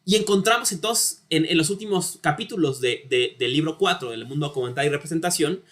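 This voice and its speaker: Mexican male lecturer, higher-pitched, chatty, keeps checking in with the class. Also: expressive, a little fast, fairly bright tone. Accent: Mexican Spanish. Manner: conversational, frequent tag questions, stumbling repetitions. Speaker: university philosophy lecturer. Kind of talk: informal lecture.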